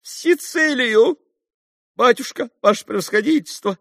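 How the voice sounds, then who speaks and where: A man's voice: high-pitched, lively intonation, normal speed, breathy edge, no room sound, clean studio sound, pitched above the performer's own voice, full character voice. A man voicing a desperate, poor army captain who pleads frantically with a doctor. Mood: pleading. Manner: frantic, imploring.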